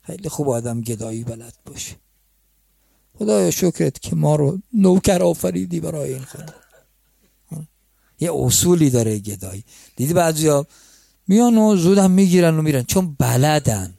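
Mellow-voiced male preacher telling a story. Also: on the high side, expressive, gravelly, no room sound, studio quality. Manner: conversational, addresses listeners as friends. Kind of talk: storytelling sermon.

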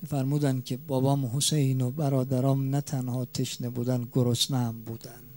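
Impassioned male preacher, swelling then hushed. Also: mid-range voice, flat delivery. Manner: impassioned, swelling loud then dropping soft. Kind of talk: mourning sermon.

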